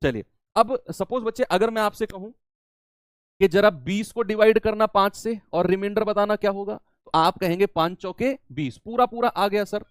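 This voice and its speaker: A man gives a maths lesson in a high, clear voice, recorded close and dry. He walks through each step, repeats the key terms, and now and then answers in the voice of his students. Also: moderate pace, dry recording. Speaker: maths teacher. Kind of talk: classroom maths lecture.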